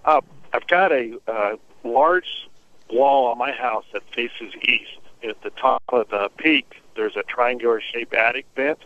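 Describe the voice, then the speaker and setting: Male caller, muffled phone line, plain halting talk, dry sound. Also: mid-range voice, a bit bright, dry recording.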